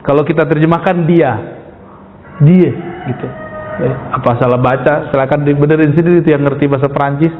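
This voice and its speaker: A man giving a religious lecture to a congregation, lively, asking his listeners rhetorical questions. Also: fairly high pitch, fairly quick, a little hiss or hum. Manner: animated, rhetorical questions to the audience. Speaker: preacher. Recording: echoey hall, tinny lo-fi sound.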